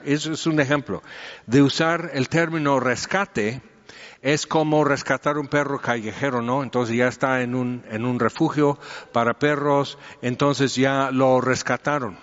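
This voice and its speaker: A man giving a conversational sermon. He explains with everyday examples and fills his pauses with "este". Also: medium pitch. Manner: explanatory, uses homely examples and many fillers. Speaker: preacher. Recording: dull echoey hall recording.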